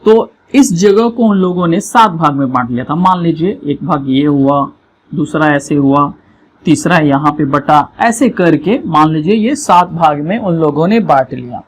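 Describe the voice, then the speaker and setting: A teacher, giving an exam revision lesson over a map, explaining slowly and often checking that students follow. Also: medium pitch, expressive, slight background noise.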